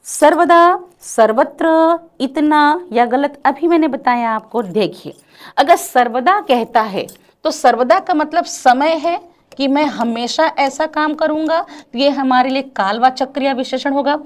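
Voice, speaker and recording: A woman teaching an exam-prep grammar lecture, calling her students "beta" and often checking whether it is clear, drawing out example lines slowly. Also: sits high.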